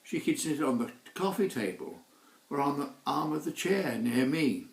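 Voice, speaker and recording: A man's voice: medium pitch, lively intonation, normal speed, creaky, far from the mic. A man putting on a sly teasing lady friend. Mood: reassuring. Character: knowing older woman friend, teasing. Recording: roomy echo.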